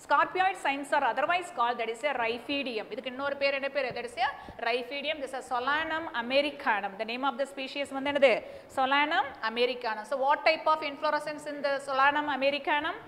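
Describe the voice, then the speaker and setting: A woman teacher with a South Indian Tamil accent, a native Tamil speaker, explains at a very rapid pace, switching between English and Tamil. She repeats terms with emphasis and checks in often. The room rings with long echo, and there is clear noise behind her. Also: high-pitched, fairly bright tone. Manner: repetitive, emphatic explaining with frequent check-in words. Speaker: botany teacher. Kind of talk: classroom lesson mixing English and Tamil. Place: indoor teaching studio beside a display board. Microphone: lapel mic.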